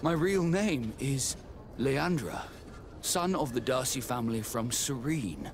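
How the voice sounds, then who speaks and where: Game captain role: earnest, guarded sailor, very varied intonation, noisy ambient backdrop. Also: male voice, mid-range voice, animated, slow pace. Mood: moved, reflective. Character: naval captain, Vasco, earnest man seeking his origins. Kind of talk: video game cutscene acting.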